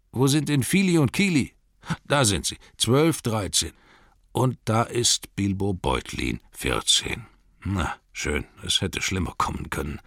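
A man reading aloud voices an old male wizard who takes brisk, matter-of-fact stock and gives orders. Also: low-pitched, a bit bright, slightly rough, dry recording, studio quality, full character voice.

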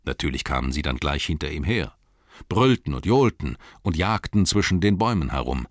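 A man narrating an audiobook in an expressive reading style, briefly voicing the characters as he tells the story. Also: a bass voice, a little fast, no room sound, studio quality.

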